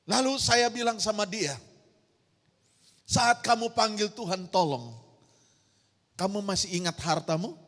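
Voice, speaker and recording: Woman preacher, gravelly and emphatic, questions the congregation directly, recorded in a big echoing church hall. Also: medium pitch, a little slow, pauses often, fairly bright tone. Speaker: pastor. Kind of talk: sermon. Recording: long church-hall reverb.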